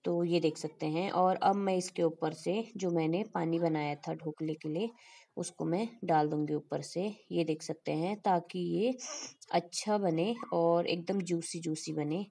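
A woman's voice: fairly low pitch, fairly even intonation, measured pace, dark tone. A woman cooking vlogger chatting through a home recipe, addressing her viewers as friends. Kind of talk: casual recipe walkthrough voice-over. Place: home kitchen.

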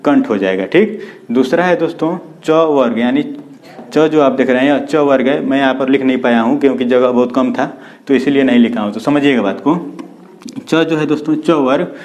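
Male teacher, video lesson, mid-pitched voice, asks and answers his own questions, sounds out letters slowly. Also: darkish tone. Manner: repeats questions and answers them himself, often says "दोस्तों"; slow and explanatory, sounds out letters one by one. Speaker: Hindi grammar teacher. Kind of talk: classroom-style video lesson.

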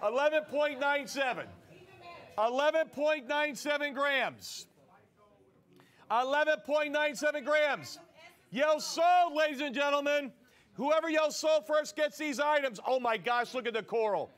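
High-voiced man repeating sales pitches. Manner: fast, repetitive, urging viewers to yell sold. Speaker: shopping show host.

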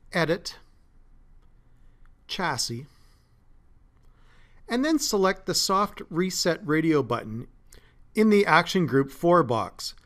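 A man narrating a scripted step-by-step tech tutorial as a support engineer, in a steady, methodical way. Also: high-pitched. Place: voice-over, not recorded in the pictured place.

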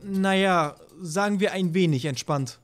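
A man's voice: sits high, unhurried. A cheeky young man narrating a comic story with crude jokes, over faint music. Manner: cheeky, swearing, deadpan jokes.

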